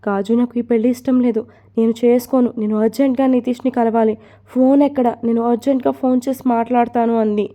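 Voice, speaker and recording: A woman's voice: fairly high pitch, steady tone, fast, warm tone, lightly acted. A woman voicing an upset young woman who protests against a forced marriage. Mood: protesting. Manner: protesting, pleading.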